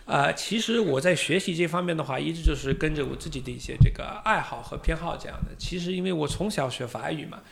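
A man's voice: on the high side, quick pace, vocal fry, hardly any pauses, background noise. A man from the United States, a native English speaker with an American accent, chatting as a podcast guest. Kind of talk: casual interview talk.

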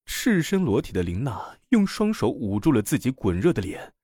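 A man reading a story aloud in an expressive, dramatic manner. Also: medium pitch, moderate pace, husky, dry recording, clean studio sound. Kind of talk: scripted story narration.

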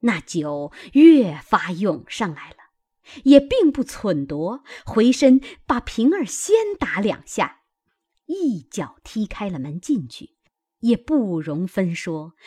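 A woman reads a classic novel aloud at a slow, measured pace. Her voice is breathy and somewhat higher than average, and her intonation rises and falls expressively with the drama of the story. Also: big pitch swings, mellow. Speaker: audiobook reader.

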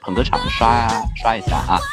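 A man's voice: on the low side, moderate pace, loud music behind the voice. A man on a live stream, telling jokes and reciting love lines, with a jokey manner. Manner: jokey, then tender reciting.

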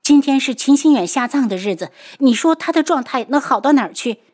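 A woman's voice: high voice, expressive, brisk, darkish tone, pitched above the performer's own voice. A woman voicing a fiery, passionate young woman healer in an audiobook, speaking sharply and emphatically. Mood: angry.

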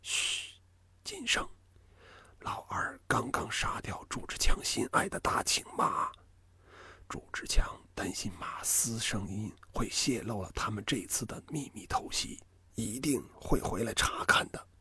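A male narrator voicing an old, stern martial-arts master who speaks in a hushed, low whisper. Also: expressive, unhurried, creaky, husky, no echo, full character voice. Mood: hushed urgent.

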